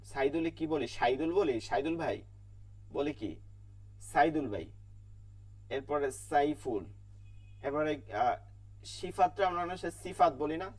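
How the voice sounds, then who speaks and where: A man's voice: a little high, distant mic. A man teaching an online Quran class, repeating letter sounds again and again and asking and answering his own questions.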